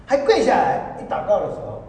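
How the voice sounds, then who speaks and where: A high-voiced man preaches, telling his story in lively bursts and breaking into laughter as he mimics others. His voice carries from a distance across a big hall. The long echo lingers after each phrase. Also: fairly quick, a little hiss or hum. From Taiwan. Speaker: pastor. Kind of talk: storytelling sermon. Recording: echoey hall, voice from far off.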